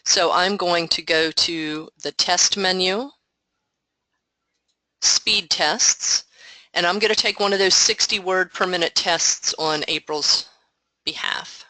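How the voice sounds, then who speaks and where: A woman walking a group through software on an online call through her headset. Her voice is bright and bold, and her patient explanations are dry and close. She thinks aloud as she goes. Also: on the low side, takes it slowly, no room sound, low-quality recording. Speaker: software trainer. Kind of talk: online meeting walkthrough.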